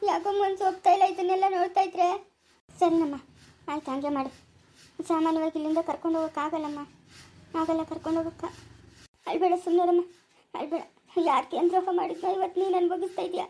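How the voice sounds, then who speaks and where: A woman plays a worried mother in a home-made family drama, pleading in a tearful way. The voice is very high and mellow, and it carries a rural Karnataka accent. She speaks quickly. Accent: rural Karnataka Kannada.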